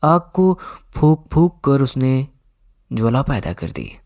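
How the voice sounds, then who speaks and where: A man narrating an audiobook in a steady storytelling manner. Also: medium pitch, takes it slowly. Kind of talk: scripted narration.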